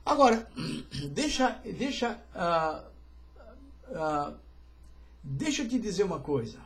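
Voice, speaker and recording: A man's voice: sits high, very animated, slow pace. A man, a pastor, teaching an informal livestreamed Bible study in a chatty way, with joking asides and greetings to viewers.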